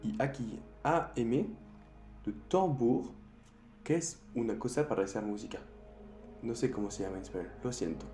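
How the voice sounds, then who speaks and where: A young man, a French speaker with a French accent, teaching a pronunciation lesson and sounding out each sound slowly and carefully. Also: fairly low pitch, warm tone. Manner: slow, careful demonstration of sounds. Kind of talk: language lesson. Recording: echoey room with faint music.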